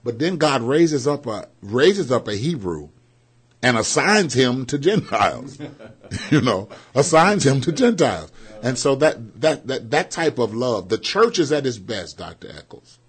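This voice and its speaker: Husky, fervent male preacher. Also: mid-range voice, very animated. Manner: fervent, builds emphasis, slows on key words. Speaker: co-host, preacher. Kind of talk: preaching in conversation. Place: radio studio.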